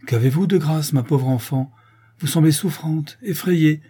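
A man reading aloud, voicing a kindly former convict who speaks gently and reassuringly in a storybook. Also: fairly high pitch, unhurried, breathy edge, pitched above the performer's own voice. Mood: gentle concern.

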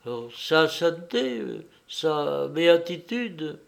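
A man's voice: on the high side, lively intonation, slow pace, gravelly, exaggerated voice. A man voicing a simple, hesitant old housemaid answering her master. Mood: timid. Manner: hesitant, naive. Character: simple, timid elderly housemaid woman.

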